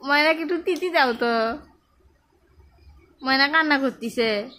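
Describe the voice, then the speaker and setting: A woman with a Bangladeshi Bengali accent, a mother coaxing her toddler with gentle, repetitive questions at home. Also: sits high, unhurried, slight background noise. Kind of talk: home vlog baby talk.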